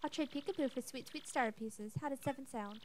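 Woman voicing an eager high-pitched game trader. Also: fairly quick, a little hiss or hum, close to an everyday voice. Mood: eager, excited. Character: eager, excitable star-piece collector, a video game trader. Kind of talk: reading game dialogue aloud in character.

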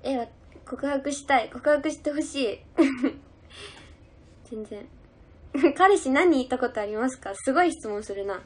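A woman's voice: high-pitched, unhurried, pauses often. A young woman idol chatting casually on a livestream, giggling as she reads out and answers viewer comments. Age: young adult.

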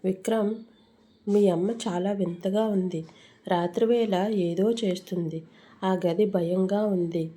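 A woman's voice: mid-range voice, steady tone, slow pace, warm tone, close to an everyday voice. A woman voicing an anxious 28-year-old city-raised wife in a spoken story, asking worried questions.

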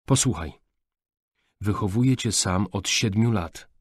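A man's voice: lowish voice, measured pace, breathy edge, no room sound, studio quality. A man voicing a strict, overprotective father who scolds in a raised voice. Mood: angry.

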